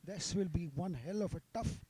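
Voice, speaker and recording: Male golf commentator. High-pitched, very soft-edged mellow tone, sympathetic live calls. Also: normal speed, husky. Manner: sympathetic toward players.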